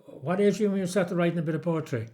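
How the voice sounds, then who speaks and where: A man's voice: sits high, racing, warm tone. A man with an Irish accent, casually interviewing someone for an oral history with short, informal questions.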